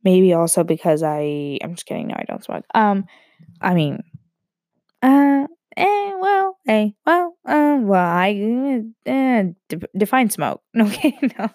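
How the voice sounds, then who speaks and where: In clean studio sound with no room sound, a young woman speaks slowly at medium pitch, her voice throaty from a cold. Her personal story wanders, peppered with jokes, lively asides, and self-interruptions.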